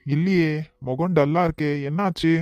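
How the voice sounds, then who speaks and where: A man's voice: a little high, normal speed, darkish tone, no echo, highs cut off, lightly acted. Tender cartoon father, voiced by a man. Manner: pleading, affectionate. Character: worried, tender father of a grown daughter.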